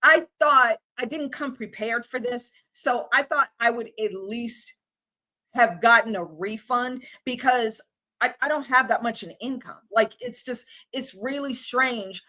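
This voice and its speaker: A woman's voice: on the high side, a little slow, pushed and bright. A woman, hosting a livestream and ranting in an exasperated, casual, slangy way. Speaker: livestream host.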